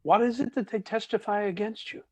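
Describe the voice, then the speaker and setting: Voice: mid-range voice, brisk, no echo, lightly acted. A reader voicing a stern official who questions a prisoner, in a church scripture drama. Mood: questioning. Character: stern interrogating official: high priest and governor.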